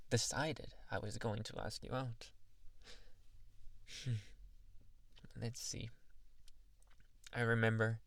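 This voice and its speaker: A man playing a shy, tender boyfriend in a soft, halting, intimate ASMR role-play, teasing and adoring. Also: medium pitch, no room sound. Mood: shy, fond.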